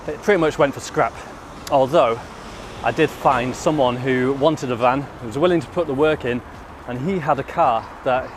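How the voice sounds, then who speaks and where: A man's voice: medium pitch, a little hiss or hum. A man talking informally to his viewers in a casual vlog style. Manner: informal, chatty. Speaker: vlogger.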